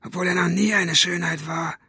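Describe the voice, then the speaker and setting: A sneering, taunting thug with a rough, raspy voice, pitched well above his speaker's own. A man puts him on while reading a storybook aloud. The sound is dry and close. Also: fairly even intonation, moderate pace, sharp tone, no room sound, exaggerated voice. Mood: mocking. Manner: mocking, taunting. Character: raspy-voiced male henchman, sneering and menacing.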